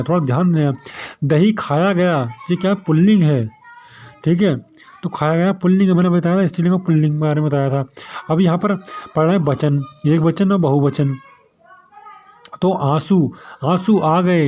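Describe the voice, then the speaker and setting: A man's voice: a little high, moderate pace, warm tone. A man teaching a grammar lesson for exam preparation, who keeps asking questions and answering them himself. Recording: dull lo-fi sound.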